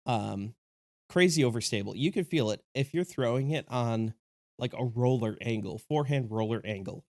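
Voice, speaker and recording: A man's voice: mid-range voice, moderate pace, darkish tone, no echo, studio quality. A sick man whose voice sounds a little off, hosting a casual review vlog in a chatty, enthusiastic and joking way. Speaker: disc golf video host.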